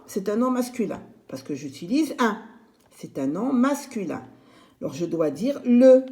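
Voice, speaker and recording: Slow, mellow-voiced woman teaching children. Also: medium pitch. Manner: slow, patient, repeats and stretches each word. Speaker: primary school teacher. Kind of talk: recorded classroom lesson for young children.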